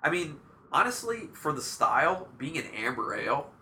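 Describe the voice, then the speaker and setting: A man hosting a casual beer-tasting podcast, chatting in a rambling way with quick asides. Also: a little high, very animated, sharp tone, a little hiss or hum. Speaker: podcast host.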